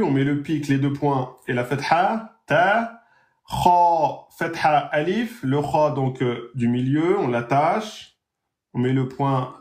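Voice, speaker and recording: Man slowly spelling out Arabic words. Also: mid-range voice, echoey room. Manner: slow drawn-out pronunciation of example words. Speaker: Arabic teacher. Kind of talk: live online lesson.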